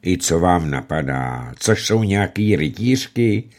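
A man voicing a kindly old peasant grandmother who talks in a homely, gently scolding way. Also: low-pitched, big pitch swings. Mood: homely, gentle.

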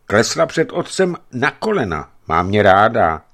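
A man voicing a gruff, lovesick young giant who works as a watchman, speaking in a raised, loud dialogue voice. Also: fairly low pitch, big pitch swings, voice pushed up.

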